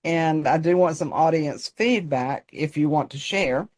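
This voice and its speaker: Speaking with a low voice, darkish tone and measured pace, a North Carolina woman with a Southern accent appears as a guest presenter. She is a personal development coach who talks straight to her audience in an informal, folksy style.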